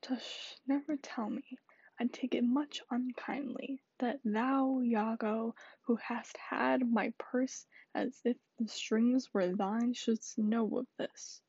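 Cast: wounded young gentleman, whispered by a woman, breathy and dull-sounding. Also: very high-pitched, fairly even intonation, slow, no echo, full character voice. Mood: aggrieved. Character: aggrieved young gentleman feeling cheated. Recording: dull lo-fi dry recording.

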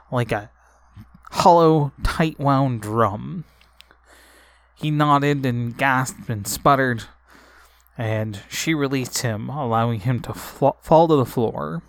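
Slow, deliberate male storyteller. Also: medium pitch, no echo. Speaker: solo game narrator. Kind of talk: narrating a solo tabletop adventure.

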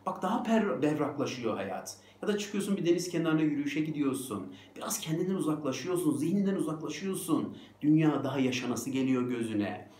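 A man giving a motivational self-help talk, speaking directly to his listeners in an animated way. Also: a little high, fairly quick, few pauses, roomy sound.

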